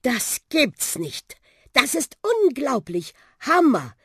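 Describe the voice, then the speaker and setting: A reader voicing a young boy in a children's audiobook, excitable and wide-eyed. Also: mid-range voice, fairly quick, dry recording, clean studio sound, lightly acted. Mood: thrilled. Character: young boy, startled then sad. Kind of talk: audiobook role voice.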